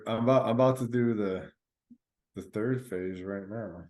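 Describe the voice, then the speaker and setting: A man's voice: on the low side, normal speed, darkish tone. A man co-hosting a podcast in casual chat, laid-back and rambling with many fillers. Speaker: podcast co-host.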